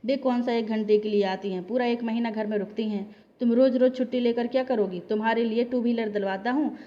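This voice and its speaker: A woman's voice: on the high side, steady tone, fairly quick, dull audio, lightly acted. A woman voicing a blunt, exasperated husband. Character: worried husband, blunt young man.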